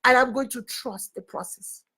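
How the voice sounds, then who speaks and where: High-pitched earnest woman mentor. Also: moderate pace, bright, forceful tone, breathy edge. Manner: earnest, repeats phrases, preacherly. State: crying and laughing at times. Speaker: mentor and network leader. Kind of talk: emotional motivational talk.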